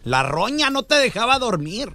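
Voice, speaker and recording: A man's voice: very high-pitched, very animated, normal speed, creaky, sharp tone, no echo, soft background music. A man co-hosting a radio show, teasing and mocking in joking banter.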